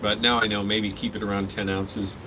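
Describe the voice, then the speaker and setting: A man's voice: lowish voice, little pitch movement, a little fast. A man rambling casually while eating, talking with his mouth full. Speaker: vlogger. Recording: clearly noisy background hum.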